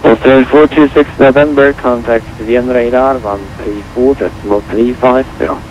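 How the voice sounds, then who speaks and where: A man's voice: medium pitch, fairly even intonation, moderate pace, a little mellow. A man working as an air traffic controller, speaking in clipped procedural phrases over an aviation radio. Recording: muffled, noisy aviation radio transmission.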